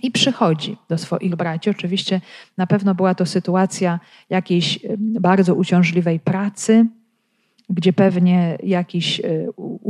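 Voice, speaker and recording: A woman with a warm, mellow voice explains a Bible passage verse by verse. She talks thoughtfully, stopping now and then to search for the right word. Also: mid-range voice. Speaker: Bible commentator. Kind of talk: reading and explaining scripture.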